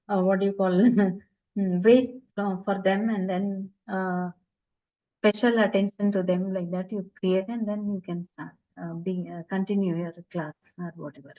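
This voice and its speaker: A woman's voice: medium pitch, steady tone, unhurried, dull audio. A woman teacher trainer answering questions in an online session, earnest and advice-giving with many hesitations, heard over a video call. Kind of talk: online webinar Q&A.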